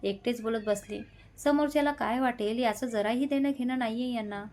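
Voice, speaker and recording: Brief: woman reading a nervous young office worker, polite, hesitant, mutters under her breath, slightly high voice. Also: a little fast, darkish tone, lightly acted. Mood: annoyed muttering.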